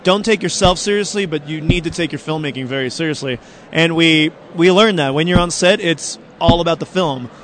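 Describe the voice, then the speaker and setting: Chatty filmmaker man, higher voice. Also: fairly quick, a bit bright. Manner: laughing, repeats and restarts, upbeat. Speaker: filmmaker guest. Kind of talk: casual convention interview. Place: outdoors at a fan convention.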